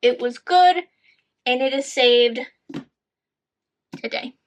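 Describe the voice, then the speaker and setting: A woman's voice: sits high, takes it slowly. A woman book vlogger talking in a chatty, upbeat way, rambling a little as she goes. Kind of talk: casual chat.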